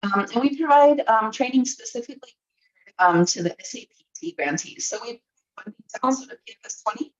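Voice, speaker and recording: Woman trainer on a muffled, glitchy call line, audio cutting in and out, halting delivery. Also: a little high, lively intonation. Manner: hesitant, many fillers and restarts. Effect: choppy, glitchy video call audio cutting in and out. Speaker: training presenter. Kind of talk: online training webinar. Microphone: video call.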